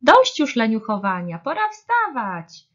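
A playful little bear cub, put on by a woman reading a storybook, bounces high and lively as he urges his friends on. The sound is dull and lo-fi. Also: normal speed. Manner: eager, lively, coaxing. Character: small cheerful playful male bear cub.

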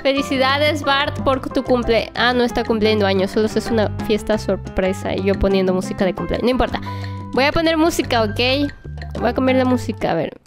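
A young woman narrating her doll play in a lively, exclamatory way, talking to the toys like a babysitter. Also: on the high side, brisk, music in the background. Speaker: toy play vlogger.

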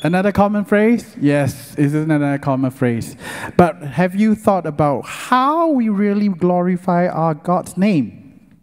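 Speaking at a church lecture concert, this middle-aged man uses a high voice with lively intonation, a little slow and darkish in tone. He draws out key words earnestly and leads call-and-response in a large worship hall, where long reverb trails his words.

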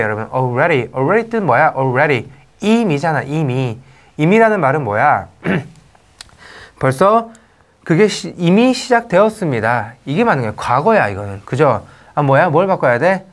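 A man teaching English grammar in an online lecture, quizzing students with quick questions and reading English example sentences slowly. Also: mid-range voice. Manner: lively, asks questions and answers them himself; casual, teasing with the students.

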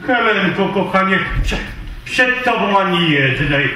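A man's voice: high-pitched, animated, measured pace, very noisy. A man playing a weary husband who patiently coaxes and soothes a demanding wife in a live stage sketch. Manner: patient, coaxing, often strained and raised. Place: stage in a hall before an audience. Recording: echoey hall, mic far off, audience laughter.

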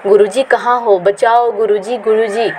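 A woman's voice: mid-range voice, fairly even intonation, a little slow, darkish tone, slight background noise, close to an everyday voice, poor audio. A woman reading the lines of a frightened, plump young male disciple who pleads and wails. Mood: wailing. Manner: pleading, wailing.

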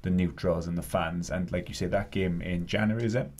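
A man co-hosting a football podcast, relaxed and measured with lots of ums. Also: deep voice. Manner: relaxed, measured, filler-heavy. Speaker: podcast co-host. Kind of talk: casual football chat.

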